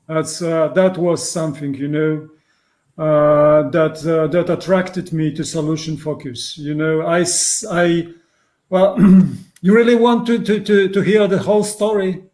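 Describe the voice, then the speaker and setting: A man from Poland with a Polish accent, a psychotherapist speaking English as a second language, telling his story over a video call with many pauses and restarts. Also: on the high side, steady tone, darkish tone. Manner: hesitant, many fillers and restarts. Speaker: guest psychotherapist. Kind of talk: casual interview.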